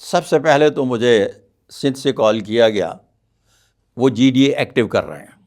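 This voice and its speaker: A man speaking as a palmist guest on a podcast interview, with measured, formal and courteous phrasing. He is from Pakistan. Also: medium pitch, lively intonation, darkish tone.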